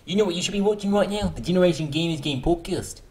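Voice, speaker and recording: A man's voice: high-pitched, fast, noisy background. A man with a New Zealand accent hosting comedy podcast ad skits, swearing and joking. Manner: joking, swearing, laughing often. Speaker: podcast host. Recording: background music throughout.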